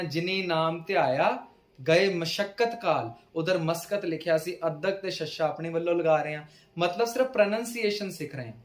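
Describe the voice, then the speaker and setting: A man teaches how to pronounce scripture, his voice sitting fairly high. He recites each verse slowly and deliberately before explaining it in plain talk. The recording carries a noticeable room echo. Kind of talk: instructional talk with slow recitation.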